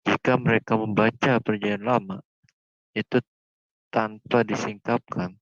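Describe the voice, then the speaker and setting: A low, flat-voiced man reading scripture slowly and carefully in a casual Bible discussion, with small stumbles. The recording is dry and a little dull. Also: gravelly, dry recording.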